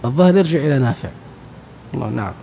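A man's voice: medium pitch, animated, very fast, vocal fry, slight background noise. A man giving a religious lesson on scripture, explaining patiently and quizzing his listeners. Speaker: teacher of Quran exegesis. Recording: dull recording with long reverb.

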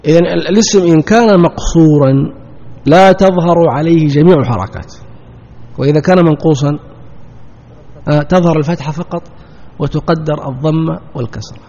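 A man's voice: a little high, brisk, pauses often, dark tone. A man teaching a grammar lesson, who asks his students questions and answers them himself, repeating the key terms. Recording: dull lo-fi sound in a long-echo hall.

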